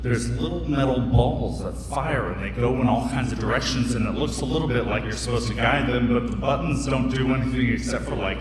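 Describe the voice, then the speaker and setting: With a medium-pitched voice that runs a little fast and barely pauses, a young American entertains a live audience in a hall with a joking, talkative story full of fillers and asides. Heard from a distance, the room echoes and the crowd comes through.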